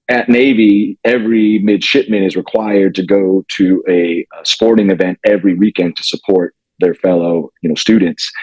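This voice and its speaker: Deep, husky man reminiscing. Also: a little mellow, no room sound, highs cut off. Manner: measured, uses fillers, says "right?". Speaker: podcast guest, documentary maker. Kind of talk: casual reminiscing.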